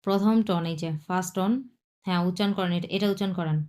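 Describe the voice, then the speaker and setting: A woman's voice: fairly low pitch, fairly even intonation, rapid-fire, a little mellow. A woman, teaching an online language class, patiently repeating points and checking that students follow.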